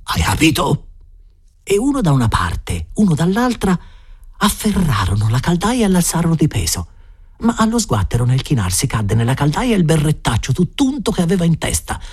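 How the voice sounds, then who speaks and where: A man giving an expressive storybook narration as an audiobook reader. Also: fairly high pitch, a little fast, husky. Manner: lively and animated. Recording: faint background music.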